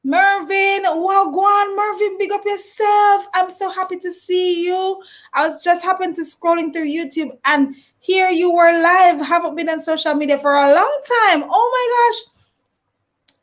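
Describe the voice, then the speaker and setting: Lady hosting a live stream, high voice, bubbly, reading out viewer comments. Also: measured pace. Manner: animated, greets and reads out viewer comments. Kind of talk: casual live stream interview.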